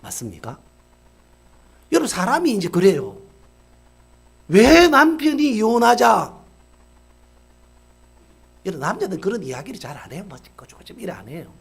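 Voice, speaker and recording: A middle-aged male pastor telling a story in a sermon, acting out the people in it with sudden shifts in voice. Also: fast. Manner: acts out quoted characters with lively swings in pitch and loudness.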